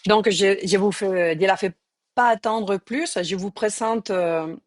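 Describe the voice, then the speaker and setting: A woman's voice: mid-range voice, slow. A middle-aged woman from Spain with a Spanish accent, hosting a live-streamed interview in a hesitant way, with many fillers and restarts. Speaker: host, journalist.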